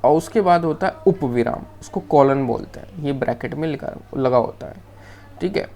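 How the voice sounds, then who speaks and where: Gravelly-voiced teacher explaining step by step. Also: medium pitch, moderate pace, warm tone. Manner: explains step by step, often checks in with "okay"; loose, off-the-cuff delivery with restarts. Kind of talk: screen-shared grammar lesson.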